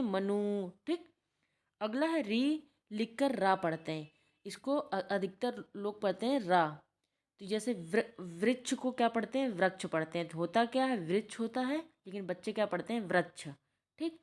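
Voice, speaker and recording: A woman's voice: a little high, darkish tone. A woman tutor giving a spoken lecture from notes, who keeps posing questions and answering them herself. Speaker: teacher-training tutor.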